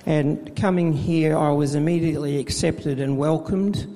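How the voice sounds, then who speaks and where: A middle-aged man tells his story of faith in a halting way, with many fillers and restarts, recorded in a church with a long reverb. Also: fairly high pitch, warm tone. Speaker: church volunteer administrator. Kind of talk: personal faith testimony in interview.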